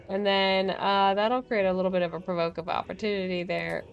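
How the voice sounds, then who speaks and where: A woman's voice: mid-range voice, clear, resonant tone. A woman streaming a game, chatting casually and thinking aloud while she plays, with frequent laughs. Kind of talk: casual gameplay commentary.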